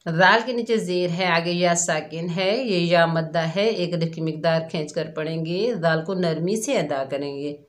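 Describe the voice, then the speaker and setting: A woman with a somewhat low voice gives a calm, methodical recitation lesson, naming each letter and mark in turn. She speaks very slowly and patiently, and her throat sounds a little sore. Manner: calm, methodical explaining, drawn-out recitation of words. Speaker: Quran recitation teacher. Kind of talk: slow step-by-step tajweed lesson.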